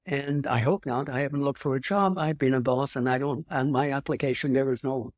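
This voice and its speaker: A European woman in her eighties with a slight French accent tells her life story as an interview guest, rambling with restarts and emphatic asides. Her very deep voice is fairly quick, a little mellow and fairly even in intonation, with no room sound.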